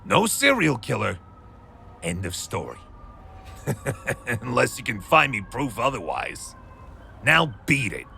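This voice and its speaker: An actor playing a gruff, sarcastic, brusque police detective with a gravelly voice in a video game. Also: male voice, medium pitch, wildly swooping pitch, slow, pauses often, sharp tone, slight background noise, exaggerated voice. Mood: exasperated, dismissive. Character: gruff, dismissive, cynical male police detective.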